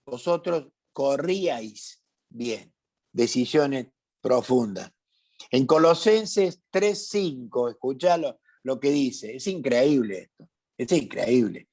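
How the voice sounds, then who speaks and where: A man's voice: medium pitch, animated, slow pace, a little mellow, slightly rough. A man from Córdoba with a Cordobese Argentine accent, preaching a sermon to his congregation, emphatic and full of rhetorical questions and repeated phrases. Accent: Cordobese Argentine Spanish. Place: church meeting hall.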